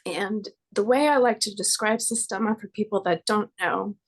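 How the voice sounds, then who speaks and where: Using her computer's microphone on a video call, a woman who works in body care introduces the guest she is interviewing, sounding friendly and giggly. Her pitch is medium and her speed normal.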